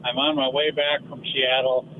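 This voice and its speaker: A man's voice: medium pitch, flat delivery, moderate pace. Man calling in on a tinny phone line. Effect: phone call into a radio show. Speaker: caller. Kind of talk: casual call-in chat. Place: in a car on the road. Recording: tinny phone line with faint road noise.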